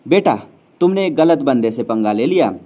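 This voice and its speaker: A cocky young male warlock hero, voiced by a man, smug and dismissive in an everyday lower voice. The recording is slightly dull and lo-fi. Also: animated, moderate pace, lightly acted.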